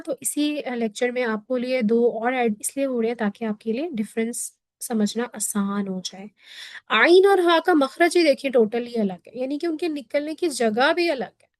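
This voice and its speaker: A woman teaching Quran recitation in an online lesson. She explains each point patiently, checks in often with a quick question, and sounds out letters in slow drawn-out syllables. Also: on the high side, darkish tone, dry recording.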